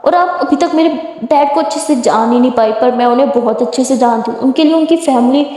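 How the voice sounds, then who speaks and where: A woman's voice: sits high, a little fast, dark tone, lightly acted. A woman voicing an upset, protective young biker woman who talks bluntly, in an echoey room with long reverb. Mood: bitter.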